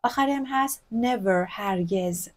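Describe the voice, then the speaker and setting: A woman with a Persian accent teaching a textbook lesson, reading English examples slowly and explaining them in a chatty way. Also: mid-range voice. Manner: chatty, corrects herself openly.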